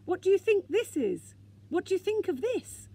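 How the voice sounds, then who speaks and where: A woman's voice: fairly high pitch, brisk, vocal fry, breathy edge, no echo, full character voice. Moomin Troll, a woman doing an eager young troll. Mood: excited. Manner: excited, proud, exclaiming. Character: cheerful young male troll.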